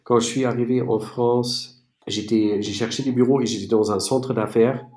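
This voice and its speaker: Speaking as an entrepreneur guest, a man from East Germany whose first language is German keeps restarting and filling pauses as he answers interview questions. His warm, medium-pitched voice has fairly even intonation, and the room is echoey.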